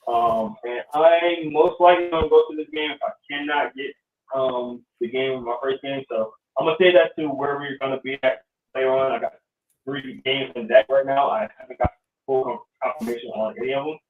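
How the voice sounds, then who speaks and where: A man's voice: mid-range voice, fairly quick. A man hosting casual sports talk, rambling with lots of ums. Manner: loose, rambling, many ums. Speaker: podcast host. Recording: echoey, distant, phone-like audio.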